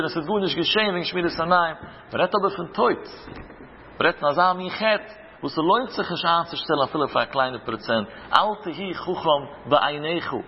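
A man's voice: on the high side, a little hiss or hum. A man giving a religious talk as a rabbi, teaching through anecdotes and rhetorical questions. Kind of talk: religious lecture with stories. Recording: reverberant hall, dull lo-fi sound.

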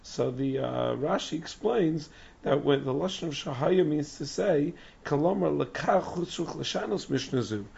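Male religious teacher, lost-voice hoarseness, heavy gravelly rasp, explaining text line by line, dull muffled recording. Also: fairly high pitch, expressive, a little slow, darkish tone. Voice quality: raspy, strained, breathy croak. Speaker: religious teacher giving a daily Talmud class. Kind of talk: Talmud lesson, reading and explaining text.

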